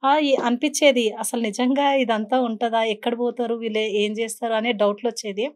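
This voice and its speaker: Woman guest, earnest storyteller, quick and a touch high. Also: steady tone. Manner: earnest, telling a personal story with quoted speech. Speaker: guest, beautician and meditation teacher. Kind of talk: podcast interview, personal story.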